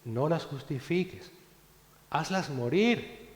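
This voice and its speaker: A male pastor preaches with force, his slightly high voice rising to loud exhortation and then dropping to hushed, low phrases. He is heard in a church hall where a long reverb trails after each line. The room sounds large and echoey. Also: lively intonation, takes it slowly. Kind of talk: sermon.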